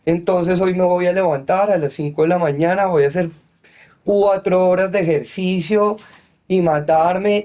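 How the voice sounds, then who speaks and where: A man giving measured advice in a conversation. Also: high voice, warm tone. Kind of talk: reflective conversation.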